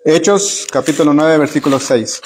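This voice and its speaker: A man's voice: fairly high pitch, moderate pace, darkish tone, slight background noise. A man leading a church Bible study sermon, earnestly addressing his listeners as brothers and often repeating words as he searches for phrasing.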